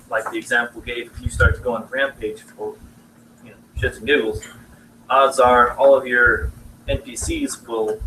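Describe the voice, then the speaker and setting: A young man casually pitching his game in a live presentation, halting and full of fillers. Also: sharp tone. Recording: distant mic in noisy room.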